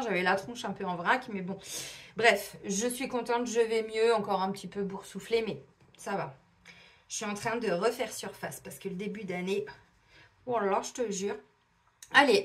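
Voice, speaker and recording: A middle-aged woman doing a casual oracle card reading, chatty and animated, acting out little imagined dialogues. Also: mid-range voice. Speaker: tarot and oracle card reader.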